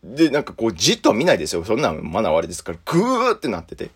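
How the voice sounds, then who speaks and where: A young man with a Kansai accent tells a comic story as a solo monologue. His pitch swings widely and keeps the telling lively. He jumps high for the punchlines and sinks low and quick for the asides. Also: slightly rough. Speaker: stand-up comedian.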